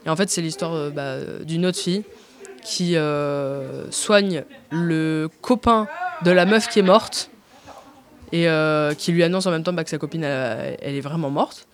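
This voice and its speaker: A woman's voice: low-pitched, unhurried. Rambling, hesitant young-sounding woman. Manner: hesitant, many fillers and restarts; tacks on "and so on" often. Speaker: interview guest. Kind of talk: casual chat.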